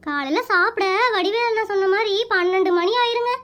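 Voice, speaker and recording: A woman's voice: extremely high pitch, fairly quick, a bit bright. A woman voicing a put-upon middle-aged village housewife with a Kongu Tamil accent, complaining in a comic cartoon. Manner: plaintive, complaining.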